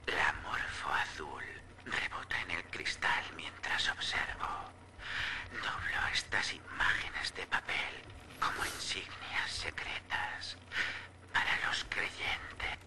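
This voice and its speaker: A man voicing an eerie male cult figure in a hushed whisper, from a game audio diary. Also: low-pitched, lively intonation, slow, exaggerated voice.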